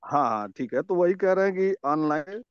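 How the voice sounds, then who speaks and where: A man's voice: sits high, expressive, normal speed, smooth, dry recording. A man calling in on a phone line that keeps cutting out, speaking hesitantly as he searches for words. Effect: choppy, cutting-out phone audio. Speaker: caller sharing a customer experience. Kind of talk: casual phone-in chat on an online meeting. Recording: dull, dry phone line.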